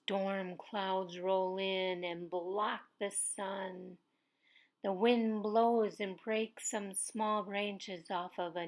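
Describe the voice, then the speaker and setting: A woman reading a children's story aloud, soft and at times whispering. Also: on the low side. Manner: slow, soft, sometimes whispering.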